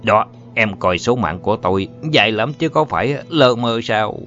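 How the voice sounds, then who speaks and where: A man's voice: fairly low pitch, expressive, moderate pace, a bit bright. A man voicing a boastful, swaggering grown man in an audiobook, talking in a jovial Southern Vietnamese accent. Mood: playful. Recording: muffled with faint music.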